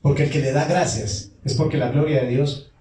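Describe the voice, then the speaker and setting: A man's voice: mid-range voice, moderate pace, warm tone, slight background noise. A male pastor preaching a call-and-response sermon, asking the congregation questions and answering them himself. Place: church sanctuary. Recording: echoey church hall from far off.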